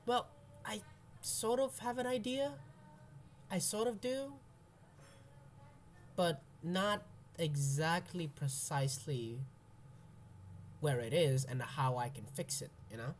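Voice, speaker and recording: Speaking in a voice on the high side, this Indonesian college freshman, a native Indonesian speaker, gives a slow, hesitant personal venting monologue full of ums and restarts. He sounds soft, searching and introspective, with a little hiss or hum in the audio.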